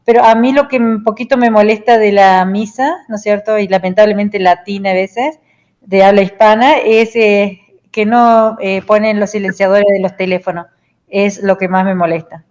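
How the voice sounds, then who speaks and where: A woman's voice: mid-range voice, steady tone, normal speed, a little mellow. A woman student in an online class discussion, chatty and full of tag questions.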